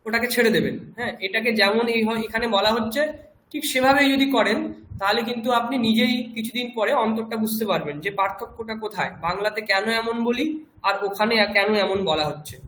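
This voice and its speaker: A man teaching a Sanskrit lesson in Bengali-accented speech, patiently explaining pronunciation and slowly repeating words for students to copy. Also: high-pitched, sharp tone. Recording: echoey room with faint background noise.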